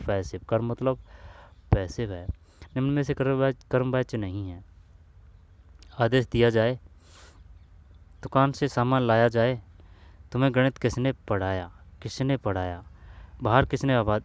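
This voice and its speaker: A man's voice: medium pitch, a little mellow, clear, resonant tone, no room sound. Man muttering through exam questions aloud. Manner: thinks aloud, repeats phrases, mutters to himself; addresses viewers as bhai, asks if they understood. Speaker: exam coach. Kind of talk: casual Hindi grammar lesson solving old exam questions.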